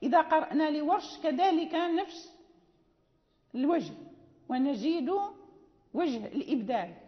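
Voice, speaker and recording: A woman teaching Quran recitation in a classroom lecture, with a high voice. She explains each rule step by step, repeats the key terms, and slows down to recite example verses. The recording is muffled and carries a long, echoing reverb. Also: animated.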